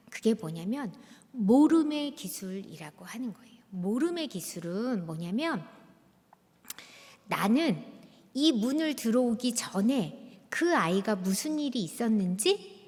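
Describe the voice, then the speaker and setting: A woman lectures a church audience in an animated, engaging way, often asking them questions. Her voice is fairly high and swings widely in pitch. It carries through a large hall with a long reverb. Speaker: guest lecturer at a church prayer meeting. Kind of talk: lively lecture with acted-out dialogues.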